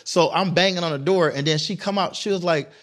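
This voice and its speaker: A man from Detroit telling a wild story as a podcast guest, in a rapid, excitable, slangy way. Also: fairly high pitch. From Detroit, USA. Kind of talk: animated storytelling.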